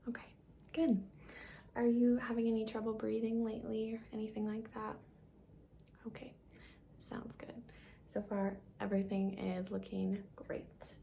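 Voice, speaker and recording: Soft, creaky woman in whispered role-play. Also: fairly high pitch, completely flat delivery, measured pace, long pauses, a little hiss or hum. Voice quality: breathy, soft. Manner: soft-spoken, gentle, reassuring, half-whispered. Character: caring, reassuring female doctor giving a check-up. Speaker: ASMR performer playing a doctor.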